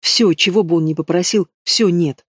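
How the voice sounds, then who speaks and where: Fiery young woman mage in a fantasy audiobook, a man reading her: indignant, sharp, dry close recording. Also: high voice, moderate pace, husky, dry recording.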